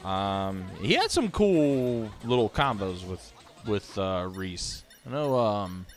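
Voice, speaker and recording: Man, low voice, sleepy, easygoing game commentary, lots of ums, faint music behind. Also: very animated, takes it slowly. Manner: easygoing, thinking aloud with many fillers. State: sleepy, yawning. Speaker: live streamer commentating matches. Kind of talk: casual fighting game commentary.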